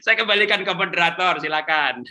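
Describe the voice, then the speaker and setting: A man giving a lively church talk on parenting over a video call, acting out quotes and laughing often. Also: high voice, fairly quick, noisy background. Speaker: conference speaker. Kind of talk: lively sermon-style talk on webinar.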